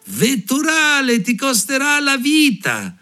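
A shrill, taunting sparrow, put on by a man reading a fairy tale. The voice leaps high and jeers, with a lively, sing-song rise and fall. Soft music plays faintly behind. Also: slow, heavily acted. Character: cruel mocking male sparrow.

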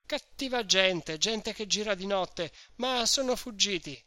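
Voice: mid-range voice, lively intonation, pushed and bright, no room sound, pitched above the performer's own voice. A reader doing a nervous older village priest. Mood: nervous, placating. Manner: hurried soothing, eager to send people away.

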